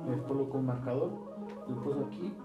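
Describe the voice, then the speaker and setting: Mexican guy, echoey room with loud music. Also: medium pitch, fast, dull audio. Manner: loud, laughing, crude banter. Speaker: friend. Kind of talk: casual chat.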